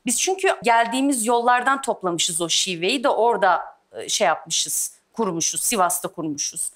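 A young woman chatting as a guest on a talk show stage, telling stories in a playful, animated way. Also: medium pitch, moderate pace. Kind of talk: casual talk show chat.

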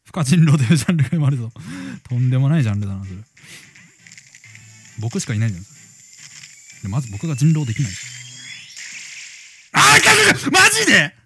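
A man's voice: medium pitch, rapid-fire, long pauses, dark tone, soft background music, poor audio. A man streaming a game from a room at home, chatting casually and reacting to viewer comments as he reads them aloud. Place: room at home near neighbors.

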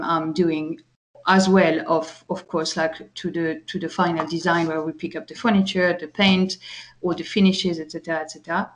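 A woman in her thirties from France with a French accent, talking casually as an architect guest, with many fillers and restarts. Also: lowish voice. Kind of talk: casual interview chat.

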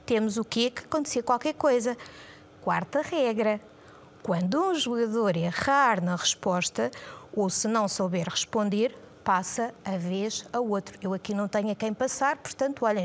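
A woman teacher with a European Portuguese accent, running a quiz game for young pupils, lively and encouraging, asking questions and answering them herself. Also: mid-range voice, slight background noise. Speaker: primary school teacher. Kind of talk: online language lesson with a quiz game. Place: home or studio, recorded alone.

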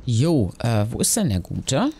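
A man giving casual, slangy gameplay commentary, thinking out loud as he goes. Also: medium pitch, big pitch swings, a little slow, vocal fry, husky. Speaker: let's player. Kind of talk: casual gameplay commentary with quest text read aloud.

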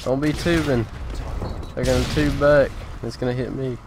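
A man's voice: medium pitch, steady tone, normal speed, very noisy. A man giving profane, frustrated commentary over his own gameplay. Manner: swearing, frustrated, ranting at opponents. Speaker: gaming video creator. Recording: game gunfire loud behind voice. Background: loud gunfire and explosions from the game.

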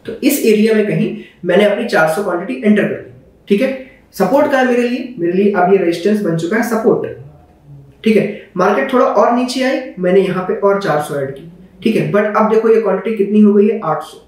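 Echoey, high-voiced man teaching chart trading. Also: fairly quick, darkish tone. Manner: conversational teaching with frequent rhetorical questions. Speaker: trading educator. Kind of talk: explaining stock charts. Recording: very echoey room, mic at a distance.

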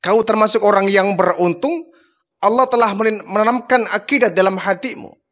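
A man voicing a gentle male religious leader who welcomes and reassures a newcomer in a retold story. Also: high-pitched, moderate pace, lo-fi sound. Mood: reassuring. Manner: warm, reassuring address.

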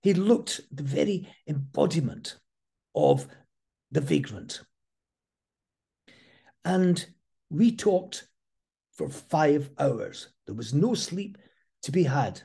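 Slow, husky-voiced male storyteller. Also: on the high side, expressive, dark tone. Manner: slow, thoughtful, earnest. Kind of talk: reflective personal storytelling.

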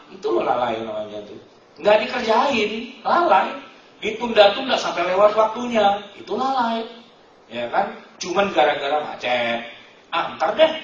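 A man's voice: high-pitched, a little hiss or hum. A man giving an informal, joking sermon and often calling his listeners "Pak". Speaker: Islamic preacher. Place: mosque hall. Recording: echoey room, distant mic, dull sound.

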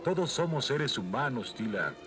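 A man's voice: medium pitch, very animated, normal speed, music in the background, natural voice. A man voicing a kind, earnest young prince in a Latin American Spanish cartoon dub. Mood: concerned. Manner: sincere, concerned.

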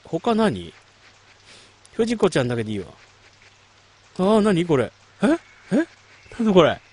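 A man's voice: a little high, big pitch swings, moderate pace, a little mellow, husky. A man streaming a game late at night, chatting casually and muttering reactions to the gameplay. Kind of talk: late-night casual chat while gaming.

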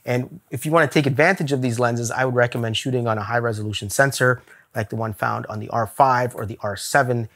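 A man's voice: medium pitch, steady tone, quick pace, a bit bright. Chatty male camera gear vlogger. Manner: chatty, laughs often, candid opinions. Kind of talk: casual gear review vlog. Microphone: camera-mounted shot on a zoom lens.

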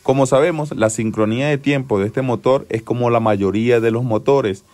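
A man's voice: mid-range voice, normal speed, darkish tone. A man hosting a car repair channel, methodically explaining an engine timing job and repeating the key steps, sometimes correcting himself mid-sentence. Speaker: car mechanic, channel host. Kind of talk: instructional how-to narration.

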